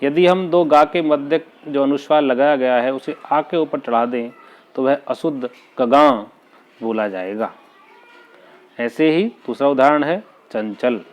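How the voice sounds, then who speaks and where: A man teaching a lesson on pronunciation, speaking slowly and carefully, spelling out each example word. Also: medium pitch, darkish tone. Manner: slow, deliberate, over-articulating example words. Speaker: Hindi teacher. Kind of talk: lecture on pronunciation.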